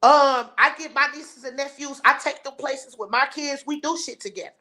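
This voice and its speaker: A woman's voice: sits high, moderate pace, pushed and bright. A woman hosting a live stream, ranting bluntly and scornfully while reading and answering her viewers' chat. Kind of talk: heated live-stream rant.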